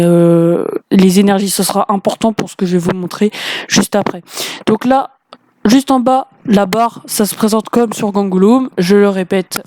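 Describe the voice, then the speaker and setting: A woman's voice: mid-range voice, warm tone, dry recording, studio quality. A woman hosting a gaming video, explaining a game step by step in a casual, hesitant way with many fillers. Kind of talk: casual game walkthrough commentary.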